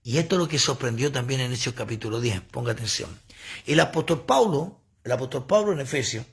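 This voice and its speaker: A male preacher delivers a sermon into a phone, his voice husky with a gravelly creak. He preaches with lively swings in pitch and breaks off to talk straight to the people watching. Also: fairly quick. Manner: preachy, animated, asides to viewers. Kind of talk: livestreamed sermon.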